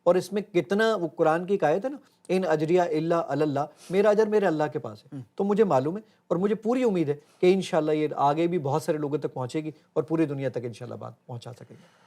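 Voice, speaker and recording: A man's voice: on the high side, warm tone. A man with a slightly raised voice talks in an earnest, explaining way. He is the founder of a tech app, guesting on an interview show and walking the host through a live demo one step at a time. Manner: earnest, explains step by step while showing a phone.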